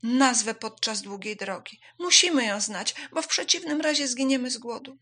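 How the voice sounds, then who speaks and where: A woman voicing a small female swallow who chirps in a high, breathless, eager way. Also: expressive, moderate pace, sharp tone, husky, exaggerated voice. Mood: chirpy.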